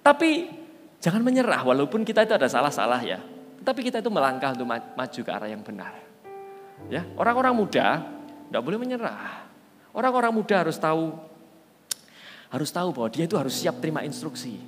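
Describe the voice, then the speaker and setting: Animated preacher in a hall. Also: male voice, on the high side, a little fast, long pauses, soft background music. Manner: animated storyteller, acts out voices, loud rising outbursts. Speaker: pastor. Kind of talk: sermon with told stories. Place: large church hall. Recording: live church hall with reverb.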